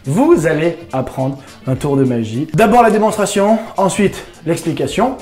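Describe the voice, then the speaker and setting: A man's voice: on the high side, expressive, normal speed, a little mellow. A man hosting a video, chatting to the camera in an informal, joking way. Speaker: video host. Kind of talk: casual chat to camera. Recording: roomy echo, music behind.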